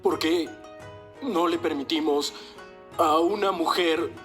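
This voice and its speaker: An actor voicing a calm, persuasive feudal official addressing colleagues formally in an anime dub. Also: male voice, a little high, takes it slowly, faint music behind.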